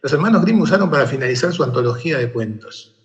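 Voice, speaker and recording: A man's voice: mid-range voice, fast talker, lo-fi sound. A man as an interview guest, telling a story in conversation and acting out the calls of its characters. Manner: animated, acts out shouted calls in the story.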